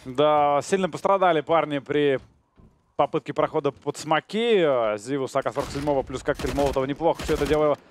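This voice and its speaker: A man gives live esports commentary and analysis as a co-caster. His voice sits a little high, with some noise and clicking behind it. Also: brisk.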